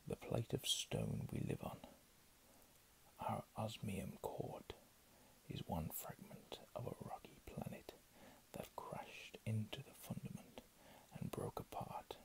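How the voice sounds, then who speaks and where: A man reading under his breath in a hushed ASMR whisper, with casual murmured asides. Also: on the low side, vocal fry, low-quality recording. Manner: slow, hushed delivery. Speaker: ASMR reader.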